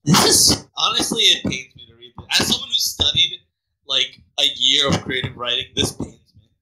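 A man's voice: medium pitch, big pitch swings, normal speed, bright, forceful tone, poor audio. A young man reading a bad fanfic aloud to friends, wry and amused, stopping to comment and laugh. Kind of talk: dramatic read-aloud with commentary.

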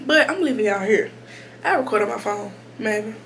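Filming herself in a cramped home bathroom, a twenty-something vlogger talks to her audience casually and playfully, using lots of slang. She has a medium-pitched, slightly bright voice with lively intonation and a moderate pace. Background noise can be heard.

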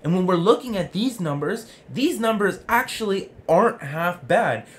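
A man's voice: sits high, expressive, moderate pace. A man in his twenties hosting a sports vlog, arguing with himself in an earnest, explanatory, conversational way. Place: small home room with jerseys on the wall. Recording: noticeable room noise.

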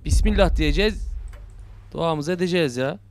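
A man's voice: fairly high pitch, normal speed, a little hiss or hum. A young man commenting on a horror game he plays, joking and muttering to himself and yelping when startled. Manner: jokey, talks to himself, muttering then yelping in fright. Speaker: gaming YouTuber.

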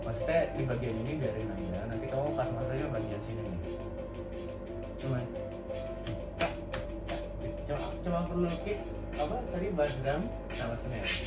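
Relaxed joking man in an echoey room. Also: mid-range voice, moderate pace, pauses often, over loud music. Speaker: channel host, drummer. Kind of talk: casual chat with his wife.

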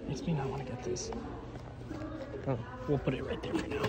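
A man's voice: mid-range voice, fairly even intonation, a little fast. A man chatting casually into a handheld phone camera while vlogging in a car and outside, offhand with lots of fillers. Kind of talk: casual vlog chat. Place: car and outdoors. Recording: phone recording with car and street noise.

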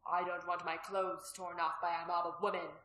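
A woman's voice: on the low side, little pitch movement, moderate pace, bright, forceful tone, a little hiss or hum. A woman reading the part of a blunt, hardened former gladiator who speaks curtly and dryly, in a storybook reading. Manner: curt, dry, firm. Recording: roomy echo.

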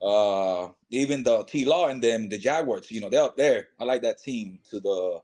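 A man co-hosting a casual sports podcast, offering opinions in a halting way with many pauses. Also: fairly low pitch, darkish tone. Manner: halting, with many fillers and restarts. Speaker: co-host.

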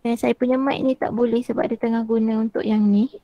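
Female teacher, online workshop demo, lots of "ah" fillers, fairly high voice, dry sound. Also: little pitch movement, fairly quick, dry recording, muffled recording. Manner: chatty, frequent "ah" fillers while walking through screens.

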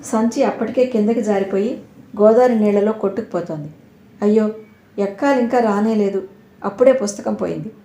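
Mellow woman narrating a story. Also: mid-range voice, fairly quick. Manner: soft, reflective. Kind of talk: scripted audio-story narration. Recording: roomy echo.

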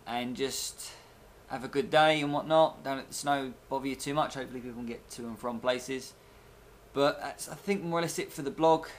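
Here a young man chats aimlessly for his vlog, speaking into a webcam microphone an arm's length off on his desk in a small indoor bedroom. He has a medium pitch and a steady tone, talks briskly, and there's a faint hiss or hum in the recording.

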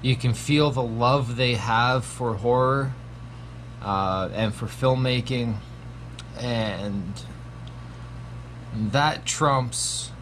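This horror movie review comes from a laid-back man in his thirties, talking from a small home room, peppering it with profanity and frequent ums. He speaks at a medium pitch with a fairly bright tone, over a little hiss or hum.

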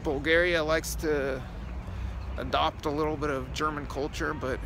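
A young vlogger strolls through a city square at dusk, holding his phone camera at arm's length and chatting through a casual tour. His voice is a little high, with fairly even intonation and a moderate pace, and the background is noisy.

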